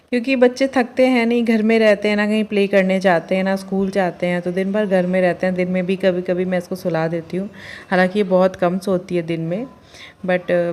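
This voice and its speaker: A woman, a mother of two, narrating her daily routine in a chatty, homely vlog with many filler pauses. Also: fairly low pitch, a little mellow.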